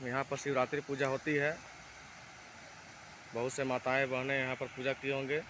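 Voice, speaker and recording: A man's voice: mid-range voice, level tone, normal speed, fairly bright tone. A man narrating a travel vlog outdoors at a forest waterfall, enthusiastically inviting viewers along. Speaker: vlogger. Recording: outdoor phone audio with background noise.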